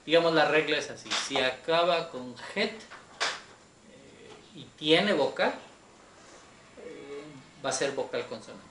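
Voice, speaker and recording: Slow, patient male Hebrew teacher. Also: on the high side, fairly bright tone. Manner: slow, patient, checks in with students often. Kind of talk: explaining a Torah class. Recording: echoey room with faint noise.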